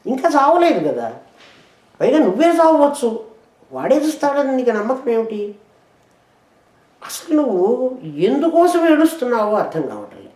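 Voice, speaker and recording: A woman teaching scripture, explaining verses with rhetorical questions and chanting them slowly. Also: high voice, sing-song, darkish tone, reverberant. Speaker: spiritual teacher. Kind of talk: scripture lesson.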